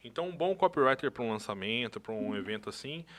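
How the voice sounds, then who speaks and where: A man from Brazil co-hosting a podcast in casual chat, agreeable and quick to sum up his partner's points. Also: medium pitch, expressive, fairly bright tone. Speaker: podcast co-host.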